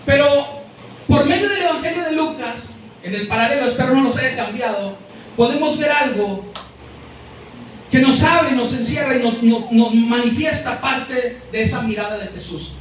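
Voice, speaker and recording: A man's voice: very high voice, normal speed, a little hiss or hum. A male pastor with a Mexican Spanish accent preaching a sermon, speaking directly to his congregation and calling out names. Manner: repeats words while searching for them. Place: church hall. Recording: very echoey room, voice from far off.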